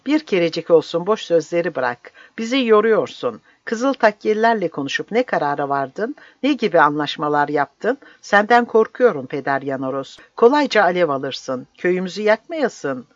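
A narrator voicing an impatient, suspicious old villager who speaks loudly and accusingly. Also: medium pitch, sing-song, normal speed, few pauses, no echo, lo-fi sound, close to an everyday voice. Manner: loud, accusing.

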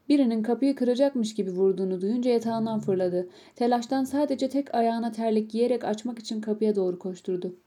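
A woman narrating an audiobook story in a calm, measured reading. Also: on the high side.

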